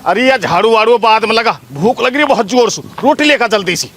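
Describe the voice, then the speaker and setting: A man's voice: high-pitched, lively intonation, a little fast. A man playing a lecherous old village man, whiny and teasing in a village comedy skit. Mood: cheeky grumbling. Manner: teasing, whiny and self-pitying. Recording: faint background noise.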